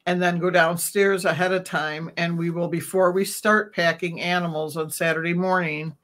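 A middle-aged woman on a video call from home, calmly explaining her routine step by step as an interview guest. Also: fairly low pitch, normal speed. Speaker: reptile vendor guest. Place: home room. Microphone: webcam on a video call.

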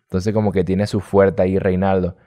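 A man's voice: low-pitched, moderate pace. A young adult man from Venezuela with a light Venezuelan accent, chatting casually and rambling as an interview guest. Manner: relaxed, rambling, drops slang. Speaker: guest youtuber.

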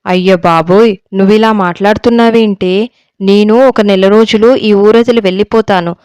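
A woman's voice: medium pitch, fairly even intonation, normal speed, darkish tone, clean tone, no echo, natural voice. A woman voicing a timid, anxious young wife who pleads with her friend in a storybook reading.

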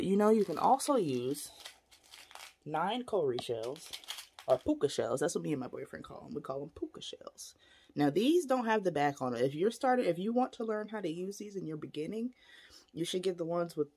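A woman's voice: low-pitched, sing-song, normal speed, darkish tone, breathy edge. A woman casually explaining divination tools to camera in a chatty, rambling way, showing objects as she talks. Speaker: spiritual teacher. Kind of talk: casual teaching vlog.

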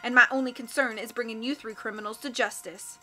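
A woman's voice: fairly high pitch, steady tone, a little fast, sharp tone, soft background music. A woman voicing a wheezy, smug male villain in a detective disguise, speaking with sneering cruelty in a storybook reading.

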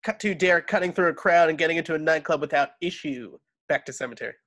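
Fast-talking and slightly bright, with a voice pitched a little high, a man narrates scene directions from a script. He's at home on a video call for an informal online table read.

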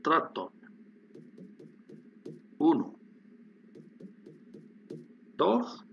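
A man's voice: on the high side, huge pitch swings, extremely slow, gravelly, a bit bright. Man, screen tutorial narration, explanatory, faint background hiss. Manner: explanatory, addresses viewers with frequent "¿vale?". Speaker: instructor demonstrating a factory simulation. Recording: dull lo-fi sound with faint hiss.

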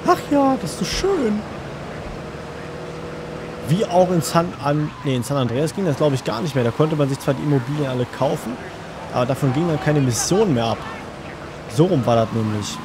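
A man's voice: medium pitch, background noise. A young man with a German accent giving casual, crude, joking let's-play commentary to his viewers. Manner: joking, crude, talks to viewers, sings along.

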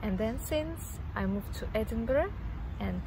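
A woman's voice: a little high, expressive, measured pace, gravelly, noisy background. A woman in her thirties from Kazakhstan, answering interview questions about dance outdoors, thoughtful and searching for her words. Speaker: dance teacher. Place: outdoors in a park.

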